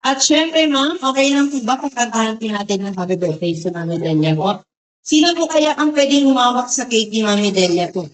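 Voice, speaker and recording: A woman's voice: on the high side, lively intonation, normal speed, a little hiss or hum, low-quality recording. A woman hosting a surprise gift delivery who talks very politely, putting "ma'am" at the end of nearly every phrase.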